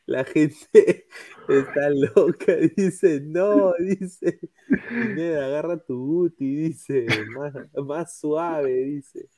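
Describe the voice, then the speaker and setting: A man's voice: a little high, extremely slow, noisy background. A man hosting a casual podcast panel, laughing as he reads out viewer comments, with a Peruvian Spanish accent. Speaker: podcast host.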